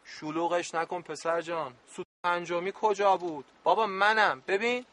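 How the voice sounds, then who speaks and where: A man's voice: sits high, steady tone, fairly bright tone. A man playing a good-natured adult camp supervisor in a radio play, talking in a joking, exasperated, pleading way.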